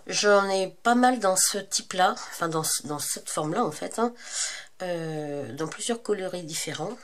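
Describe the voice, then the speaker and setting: Stuffed up with a cold, a French-accented crafting channel host walks through a tutorial in a lowish, expressive voice at a measured pace. There is slight background noise, and her casual, hesitant speech is full of fillers and self-corrections.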